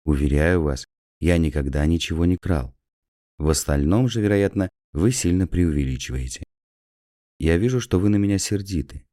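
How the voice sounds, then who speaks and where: Gentle middle-aged doctor, male, soft and apologetic, warm dark tone, read by a man. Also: sits low, animated, moderate pace, no echo, clean studio sound. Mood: soothing.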